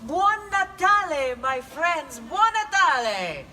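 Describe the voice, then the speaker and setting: Woman playing La Befana, a high-voiced Italian witch. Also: sing-song, slow, bright, forceful tone, distant mic, a little hiss or hum, full character voice. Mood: playful coaxing. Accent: Italian (put on). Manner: theatrical, coaxing, asks the audience questions. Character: kindly old Italian witch, the gift giver. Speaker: storyteller for children. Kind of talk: live in-character storytelling.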